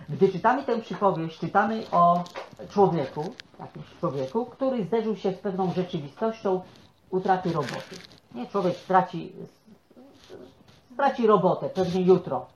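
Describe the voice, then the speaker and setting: Chatty preacher in an echoey church. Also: male voice, high voice, a little hiss or hum. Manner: chatty, peppers speech with tag questions. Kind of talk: conversational sermon. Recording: echoey, dull room sound.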